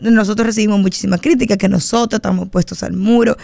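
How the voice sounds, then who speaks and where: A Dominican woman politician, a guest on a radio talk show, speaking in a lively way and repeating herself for emphasis. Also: medium pitch, fast talker, gravelly, no echo. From Dominican Republic. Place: radio studio booth.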